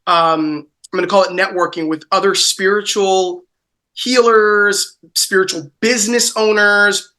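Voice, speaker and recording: A woman's voice: medium pitch, fairly even intonation, a little slow, sharp tone. A woman hosting a spiritual podcast interview, talking in a rambling way with many fillers and restarts. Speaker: podcast host. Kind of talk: casual interview.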